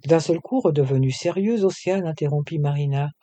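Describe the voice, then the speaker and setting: A man narrating a romantic short story in a steady storytelling manner. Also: a little high, brisk.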